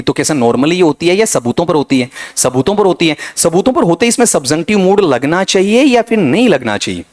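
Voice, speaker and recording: A man leads an exam-prep grammar lesson in a voice of ordinary middle pitch. He keeps quizzing his students with quick questions and answers them himself, in a coaching, familiar tone. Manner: addresses students as "beta", quizzes with rapid questions and self-answers. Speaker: English grammar teacher.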